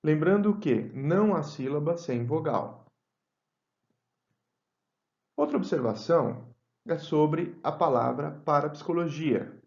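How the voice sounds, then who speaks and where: A man teaching a grammar lesson, reading example words out slowly and deliberately. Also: a little high, lively intonation, vocal fry, a little mellow. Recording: roomy, dull lo-fi sound.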